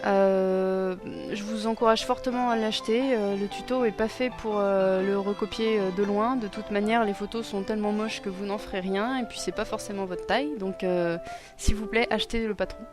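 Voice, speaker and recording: A woman's voice: medium pitch, fairly even intonation, normal speed. Hesitant young woman with music behind. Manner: hesitant, many ums, self-deprecating. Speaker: costume maker presenting a sewing project. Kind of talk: casual tutorial narration.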